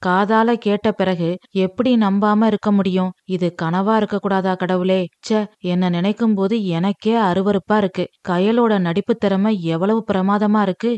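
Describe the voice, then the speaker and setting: A woman's voice: mid-range voice, fairly even intonation, moderate pace, a little mellow, dry recording, lightly acted. This is an elderly grandmother voiced by a woman narrator, wounded by a trusted daughter-in-law yet steadying herself. Her inner monologue is anguished and plain. The recording is dry and slightly muffled. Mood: hurt, bitter.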